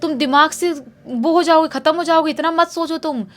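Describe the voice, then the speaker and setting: A woman's voice: high voice, steady tone, moderate pace, voice pushed up, close to an everyday voice. A woman voicing a husband who casually brushes off his wife's worries. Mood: dismissive. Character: dismissive husband, casual and reassuring.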